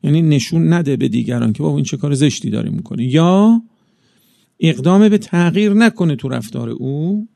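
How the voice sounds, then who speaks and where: A man preaching a religious sermon, speaking in measured phrases that build into emphatic bursts, recited passages. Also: a little high, lively intonation, gravelly, warm tone, dry recording.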